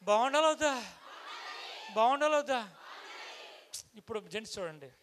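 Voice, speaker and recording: A man with a very high, ringing voice gives a rousing motivational stage speech. He leads a sales team and fires off rhetorical question after rhetorical question, pressing the crowd to shout back. His talk comes in punchy short phrases with sudden loud bursts and a bright, forceful edge. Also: lively intonation, normal speed, a little hiss or hum.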